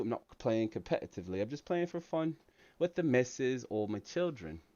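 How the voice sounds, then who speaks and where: An American livestream host doing a hammy mock-London accent, full of mates and chaps. The sound is slightly muffled. The room is dry, with no echo. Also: male voice, mid-range voice, clean tone, close to an everyday voice. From United States. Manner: hammy put-on accent with Brit slang. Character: American man faking a London English accent. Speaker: tech channel host.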